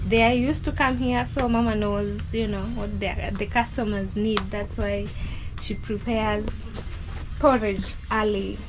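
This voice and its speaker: Speaking a bit slowly at a medium pitch with a steady tone, a Kenyan woman vlogs casually while filming her relative's shop kitchen outside. She explains as she goes, leaning on "you know" a lot, against a noisy background.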